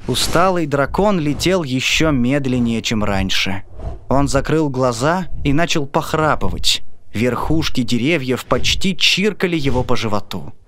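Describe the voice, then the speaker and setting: A narrator reading a children's story aloud in an expressive, sing-song way. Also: medium pitch, unhurried, a little hiss or hum.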